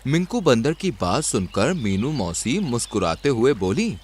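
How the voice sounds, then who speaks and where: A man's voice: mid-range voice, unhurried, slight background noise. A man narrating a children's cartoon story expressively. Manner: expressive and lively.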